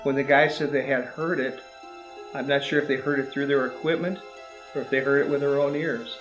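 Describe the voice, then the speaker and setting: A male investigator giving measured, tentative interview commentary. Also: mid-range voice, fairly even intonation, fairly bright tone, poor audio. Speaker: paranormal investigator. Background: music.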